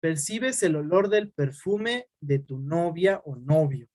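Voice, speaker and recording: A fast-talking young man gives an online lecture, recorded dry and close on a computer microphone. His voice sits a bit high for a man, and he keeps tossing quick check-ins to his class. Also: darkish tone, dry recording. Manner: fast-talking, uses "¿sale?" as a tag. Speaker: teacher.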